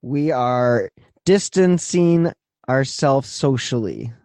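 A man's voice: mid-range voice, expressive, takes it slowly, darkish tone, dry recording, faint music behind. A man hosting a true crime podcast, moving between introduction and casual chat in a studio.

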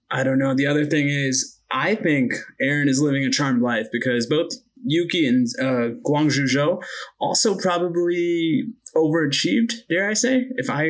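A man co-hosting a podcast in casual chat, playful and self-deprecating. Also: medium pitch. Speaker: podcast co-host.

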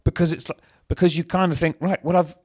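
A man co-hosting a casual chat podcast, telling animated stories and acting out exchanges with his toddler. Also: a little high, fast talker, slightly rough. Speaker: podcast co-host.

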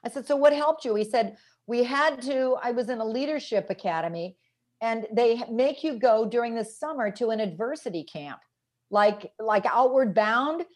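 A woman's voice: fairly high pitch, moderate pace. A middle-aged woman speaking as an expert guest in an interview, telling stories animatedly and acting out what kids told her. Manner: animated storyteller, acts out quoted kids. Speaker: guest expert, educational psychologist. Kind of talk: conversational interview.

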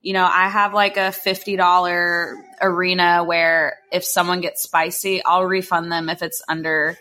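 Low-pitched woman, frank and slangy. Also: level tone, moderate pace, sharp tone. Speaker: podcast co-host sharing business advice. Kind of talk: casual unscripted podcast chat.

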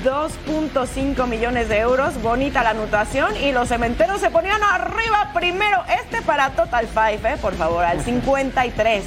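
High-pitched woman hosting a sports show. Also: lively intonation, normal speed, hardly any pauses, music in the background. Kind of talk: lively presenting and match highlight narration.

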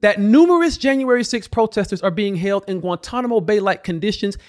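A man's voice: high-pitched, expressive, fairly quick. A man delivering scripted political commentary as a host, with a sarcastic, mocking manner.

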